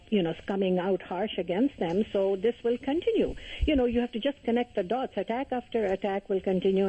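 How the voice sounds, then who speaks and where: An older woman from Pakistan, a guest calling in to a radio talk show, speaking earnestly and in measured phrases with frequent pauses. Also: medium pitch, mellow. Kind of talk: phone-in radio interview. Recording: muffled phone line.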